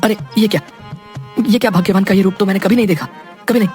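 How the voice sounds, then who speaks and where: An actor voicing a simple, scheming village husband in a cartoon, who talks to himself with chuckles and drawn-out exclamations. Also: medium pitch, a little mellow, faint music behind, lightly acted.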